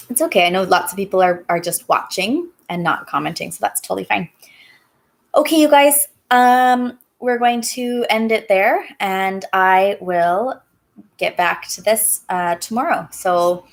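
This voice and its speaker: A woman teacher reading a story aloud on a live stream, then chatting with her viewers in a halting, casual way. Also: medium pitch, vocal fry.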